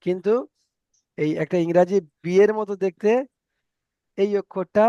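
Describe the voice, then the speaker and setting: A man's voice: high-pitched, steady tone, a little slow, dark tone, clean tone, no room sound, lo-fi sound. A male teacher with an Indian Bengali accent, leading an online Arabic reading lesson and patiently repeating letter sounds for his students. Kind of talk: online Quran reading class.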